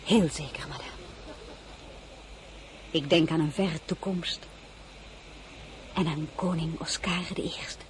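In this radio drama, a low-voiced woman narrates in the first person and takes the lead role of a proud, candid young royal woman. She talks slowly and formally, with long pauses, fairly even intonation and a guarded, resolute restraint, against a noisy background.

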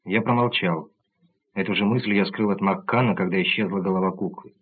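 Low husky guy reading a book aloud, steady and measured, sounds like over a phone. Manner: even, measured first-person storytelling. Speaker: audiobook narrator. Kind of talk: scripted audiobook narration. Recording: tinny narrow-band audio.

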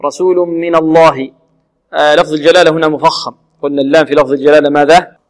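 A man teaching Quran recitation rules. He asks questions and answers them himself, and slowly sounds out the syllables he is correcting. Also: a little high, little pitch movement, big-room sound. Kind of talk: tajweed lesson.

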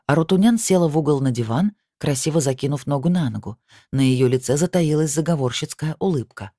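A man reading a novel aloud as an audiobook narrator, steady and even. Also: fairly high pitch, brisk, no echo, studio quality. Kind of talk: scripted narration.

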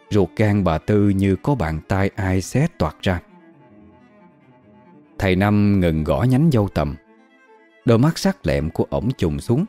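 Deep dramatic horror-story narrator man. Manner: dramatic, expressive.

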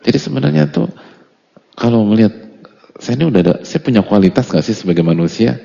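A man's voice: mid-range voice, big pitch swings, fast, creaky, warm tone. A middle-aged man, an Islamic preacher, giving a casual study lecture to an audience. He talks in a conversational way, asks rhetorical questions, and recites Arabic phrases before explaining them. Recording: reverberant hall, dull lo-fi sound.

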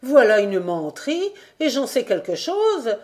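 A woman's voice: medium pitch, normal speed, natural voice. A woman voicing a fierce, outspoken old woman in an audiobook, answering sharply. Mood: defiant. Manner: sharp retorts.

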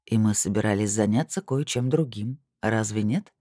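A reader voicing a cocky young man who teases his girlfriend in a low, soft, smug tone, in an audiobook. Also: moderate pace, no echo, clean studio sound, lightly acted. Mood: teasing. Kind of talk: audiobook dialogue.

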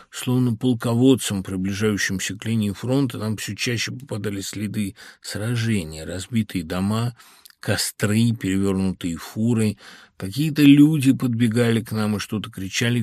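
A man reading an audiobook in a measured, even storytelling voice on a close studio mic. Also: lowish voice, no room sound. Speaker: audiobook reader. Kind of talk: audiobook narration.

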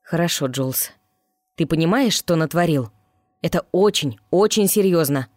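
A reader voicing a blunt, gruff demon guardian in an audiobook, close to the reader's own voice. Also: medium pitch, expressive, moderate pace, dry recording, natural voice. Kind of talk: audiobook character voice.

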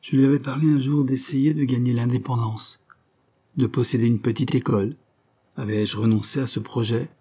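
A man reading a novel aloud as an audiobook narrator, in a measured, literary way. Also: mid-range voice, fairly even intonation, dark tone, slightly rough. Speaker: audiobook reader. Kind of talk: scripted narration.

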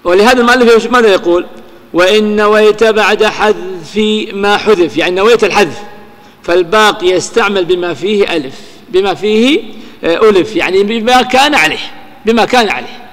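A man's voice: sits high, lively intonation, quick pace, a bit bright, long reverb tail. A man teaching a grammar lesson, explaining step by step and asking his students questions he answers himself. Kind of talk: classroom lecture on grammar.

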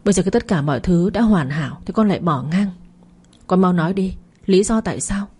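A woman's voice: on the low side, expressive, brisk, darkish tone, slightly rough. A woman voicing a stern, angry middle-aged mother who scolds and demands answers. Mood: scolding.

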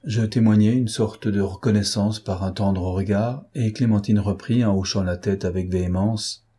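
A man narrates an audiobook in a calm, measured way. His voice sits low and sounds mellow and dark, with a husky, breathy texture. The pacing is steady, like classic storytelling. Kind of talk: audiobook reading of a novel.

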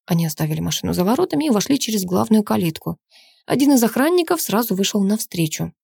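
A woman's voice: mid-range voice, quick pace, gravelly, husky, dry recording, studio quality. A woman narrating a novel chapter as an audiobook, reading the dialogue with feeling. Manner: voices all characters in one expressive reading. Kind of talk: scripted narration with acted dialogue.

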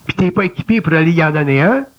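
High-voiced Québécois man, lo-fi recording. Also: quick pace. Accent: Québécois French. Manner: colloquial, animated, mimics inner voices. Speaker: guest speaker. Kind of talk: interview. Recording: dull lo-fi archival recording.

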